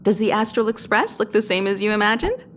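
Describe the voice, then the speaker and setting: A woman voicing a poised, mature game character with a gentle, composed, motherly manner. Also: medium pitch, expressive, a little fast, slight background noise, lightly acted.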